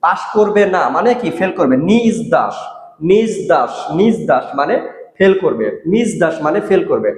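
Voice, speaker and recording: A man teaching a language lesson, repeating each word and phrase slowly and asking and answering his own questions. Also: a little high, animated. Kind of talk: explaining Russian grammar in Bengali. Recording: echoey room with long reverb.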